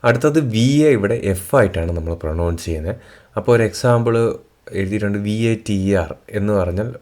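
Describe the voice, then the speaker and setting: A man with a very low voice gives a beginner's language lesson. He moves slowly through each pronunciation rule. He says every example word several times over. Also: a little mellow. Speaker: German language teacher.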